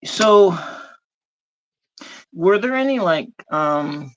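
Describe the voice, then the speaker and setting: A man's voice: high voice, animated, extremely slow, highs cut off. A man hosting a casual livestream chat, often hesitating and searching for his words. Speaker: host.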